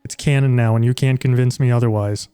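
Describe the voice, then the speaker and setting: Joking man streamer with a dark voice. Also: mid-range voice, fairly even intonation, a little fast, smooth, no room sound, soft background music. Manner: joking, crude, chatty asides. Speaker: gaming streamer. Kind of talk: casual game commentary.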